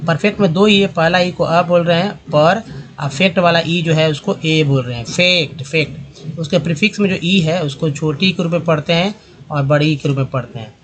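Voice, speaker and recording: A man teaching English reading, slowly saying each word aloud and repeating it, speaking in a slightly higher voice. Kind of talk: language lesson explaining pronunciation.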